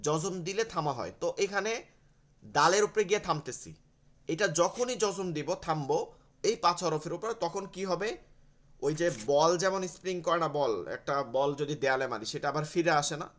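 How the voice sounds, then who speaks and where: A man teaching an online class, explaining slowly and modeling each sound again and again for his students over a video call. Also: on the high side, expressive, a bit bright. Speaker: Quran teacher.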